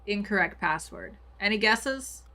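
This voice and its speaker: Bright-voiced lady streamer, chatty and playful, talking to chat while she plays. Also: mid-range voice, animated, measured pace, gravelly. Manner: chatty, playful, talks to viewers and reads chat aloud. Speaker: game streamer. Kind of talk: casual live-stream commentary.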